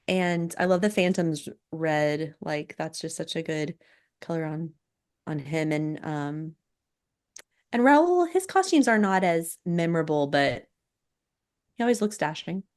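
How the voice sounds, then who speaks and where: A woman hosting a casual podcast chat, soft-spoken and laughing often, her voice a little scratchy from being sick. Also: sits low, lively intonation, unhurried. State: recovering from illness, scratchy voice. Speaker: podcast host.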